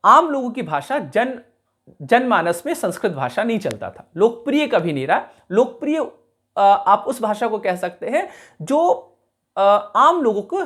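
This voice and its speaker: A man teaching a class, explaining carefully, repeating key sounds slowly and checking whether his students follow. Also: high-pitched, a bit bright, husky. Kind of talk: classroom lecture.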